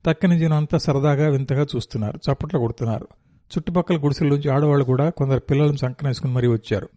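A man reading a novel aloud as narrator, in a steady, descriptive storytelling manner. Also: medium pitch, dry recording, studio quality.

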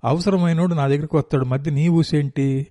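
A man's voice: on the high side, steady tone, a little fast, mellow, dry recording, studio quality, close to an everyday voice. A man voicing a stubborn, hardworking young fisherman in a read-aloud story, talking bluntly and plainly. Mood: blunt scornful.

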